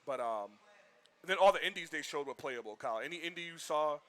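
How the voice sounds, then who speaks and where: Brief: man for a stream co-host, rambling and animated, crisp bright tone. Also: on the high side, fast talker. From Boston, US. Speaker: livestream co-host. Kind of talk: casual chat.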